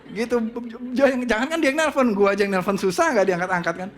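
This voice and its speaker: A middle-aged man preaching a sermon, telling a personal story in an animated way and mixing in English phrases. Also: sits high, fast talker, slight background noise. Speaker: pastor.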